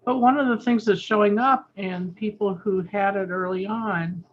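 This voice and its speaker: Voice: medium pitch, fairly even intonation, moderate pace. Congregant on a call, muffled lo-fi line, rambling casual chat. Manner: meandering, with fillers. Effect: heard over a call line. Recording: dull lo-fi call audio.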